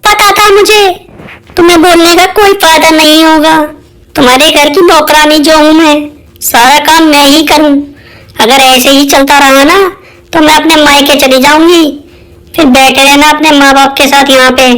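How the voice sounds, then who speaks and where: A woman's voice: high voice, fairly even intonation, normal speed, a bit bright, poor audio. A woman doing a whiny, scheming young wife. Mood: complaining. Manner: whiny, complaining. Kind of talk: cartoon voice acting.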